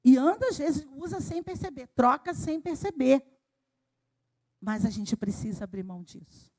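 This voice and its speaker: A woman from Brazil delivers a sermon in a clearly high voice. She preaches with lively emphasis, climbing on key words and then falling quiet. It is a church service streamed live. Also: normal speed. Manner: animated, rising emphasis with sudden drops. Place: church sanctuary.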